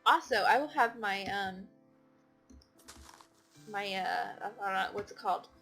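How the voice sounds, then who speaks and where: A woman's voice: medium pitch, a little slow, a bit bright. Tired gamer girl rambling on about her game, lots of ums, faint music behind. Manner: rambling, many fillers and restarts. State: tired, yawning. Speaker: gaming channel host. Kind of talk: casual gameplay commentary.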